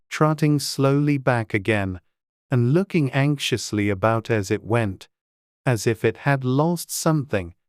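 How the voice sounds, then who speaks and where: A woman's voice: a bass voice, a little mellow, no echo, clean studio sound. A woman narrating a classic storybook in a dramatized audiobook reading.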